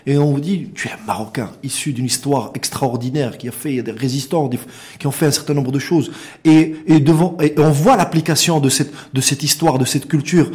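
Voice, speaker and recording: Brisk and darkish in tone, a mid-range male voice with a Moroccan accent belongs to a middle-aged man from Morocco. As the founder and director of an organisation being interviewed, he presses his points emphatically and passionately, repeating words to stress them.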